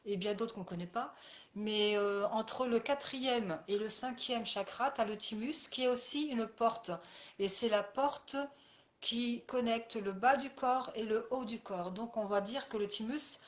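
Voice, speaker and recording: A woman's voice: a little high, a little slow. A woman coach and therapist talking casually with viewers in a live session, speaking to them by name and often circling back over the same phrases.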